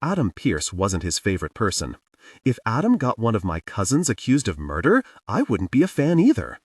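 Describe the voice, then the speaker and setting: A man narrating a first-person audiobook with wry, lively storytelling. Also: on the low side, moderate pace, breathy edge, no room sound, distant mic.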